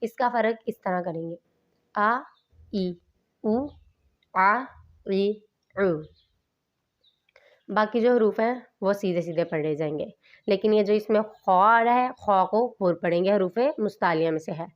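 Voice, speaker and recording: Woman teaching letter sounds slowly and patiently, each one spelled out clearly, a bit muffled lo-fi sound. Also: mid-range voice. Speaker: Quran reading teacher. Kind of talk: slow instructional recitation lesson.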